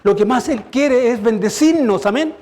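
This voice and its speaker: A man's voice: extremely high pitch, normal speed, a little mellow. A man preaching as pastor, conversational and asking rhetorical questions. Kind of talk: sermon. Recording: church service.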